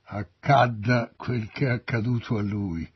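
A man reading a Bible story, voicing a soldier who announces victory in a loud, high voice. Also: fairly even intonation, measured pace, slightly rough, no room sound, highs cut off. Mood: triumphant. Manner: shouting, much higher pitch. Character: loud triumphant foreign soldier.

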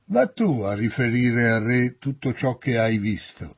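A man reading a Bible story, voicing a stern army commander who speaks firmly and loudly. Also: mid-range voice, lively intonation, unhurried, slightly rough, highs cut off. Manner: firm, raised forceful voice.

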